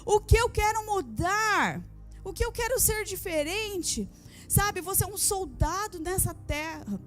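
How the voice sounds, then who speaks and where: High-voiced woman pastor preaching emphatically. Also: expressive, measured pace, fairly bright tone, soft background music. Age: adult with a daughter. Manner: emphatic preaching with repeated phrases and rhetorical questions; addresses the women of the congregation directly. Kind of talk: sermon. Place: church service.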